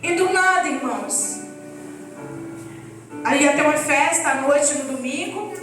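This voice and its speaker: Very high-voiced woman testifying in church. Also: measured pace. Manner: earnest, emotional storytelling. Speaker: church member giving a testimony. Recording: echoey hall, distant mic, faint music.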